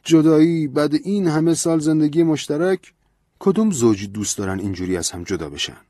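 A man's voice: animated, warm tone, no room sound. Male narrator as an earnest, lecturing priest; storybook reading, dry close sound. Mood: gently insistent. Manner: earnest, raised-pitch lecturing. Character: stern older male priest, pleading, preachy.

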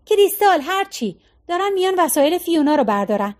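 A woman voicing a weary, gentle mother. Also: very high voice, very animated, pitched above the performer's own voice. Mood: puzzled. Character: middle-aged mother, weary and gently wry.

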